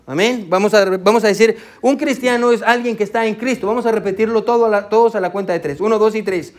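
Pastor de voz aguda predicando. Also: male voice, extremely high pitch. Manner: warm, conversational preaching with frequent "amén" and "hermano". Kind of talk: sermon. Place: church sanctuary.

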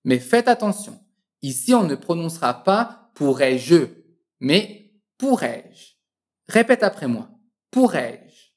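A woman teaching a French lesson, encouraging the listener and drilling phrases slowly and precisely for them to repeat. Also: fairly low pitch, big pitch swings, darkish tone.

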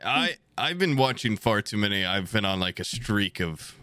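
A man's voice: on the low side, lively intonation, normal speed, sharp tone, dry recording, clean studio sound. A man co-hosting a podcast, chatting casually in a loose, rambling, profane way. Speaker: podcast co-host.

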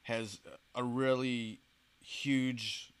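A man's voice: mid-range voice, flat delivery, very slow, clear, resonant tone. A man interviewing a guest in a casual chat, leaning heavily on "you know" and "like" as he frames his questions. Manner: leans on "you know" and "like" fillers. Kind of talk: casual conversation.

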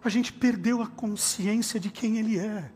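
A high-pitched man delivers an impassioned sermon as a pastor, dropping to quiet earnest talk and rising to shouts. His voice carries a long hall reverb, with faint music underneath. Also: normal speed. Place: large church hall.

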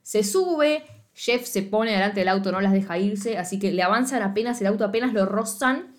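A woman with an Argentine Spanish accent, chatting casually as a podcast co-host, slangy and animated, acting out quoted lines as she recaps a film. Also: medium pitch, normal speed.

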